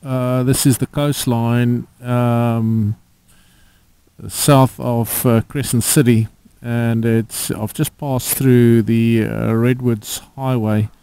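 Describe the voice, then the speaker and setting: A man with a South African accent giving halting, filler-laden commentary while riding a motorbike along a coastal highway. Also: little pitch movement, dark tone, smooth, dry recording, poor audio. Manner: halting, many fillers and restarts. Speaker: touring cyclist vlogger. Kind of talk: casual travel commentary. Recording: road and engine noise.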